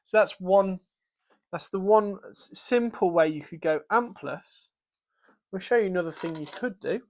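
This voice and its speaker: A man's voice: sits high, unhurried. Rambling British man showing guitar pedals. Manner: thinks aloud with frequent fillers and restarts. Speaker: guitar gear presenter. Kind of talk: casual gear demo.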